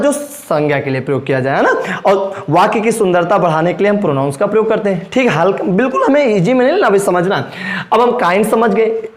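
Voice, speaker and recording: A male English grammar teacher with a Hindi accent lecturing a class, asking questions and answering them himself. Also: high-pitched. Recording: echoey room.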